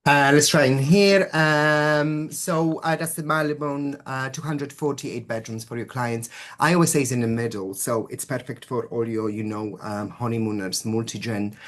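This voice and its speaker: Upbeat guy pitching over a video call, audio breaking up now and then. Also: fairly even intonation, moderate pace, a bit bright. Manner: upbeat, heavy on glowing adjectives. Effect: video call audio, breaking up at times. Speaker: hotel sales presenter. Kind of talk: webinar sales presentation. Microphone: computer mic on a video call.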